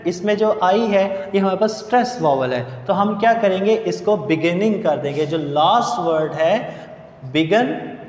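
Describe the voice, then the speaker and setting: A man giving an English grammar lecture over slides, explaining slowly and spelling out words letter by letter. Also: high voice, expressive, a little mellow. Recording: echoey room with long reverb.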